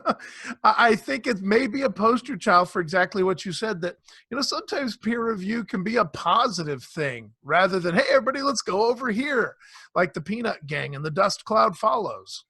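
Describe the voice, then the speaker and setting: A man hosting a casual online panel discussion, animated and quick to laugh, acting out quotes in playful voices. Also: high voice, creaky, husky, no echo. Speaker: panel host.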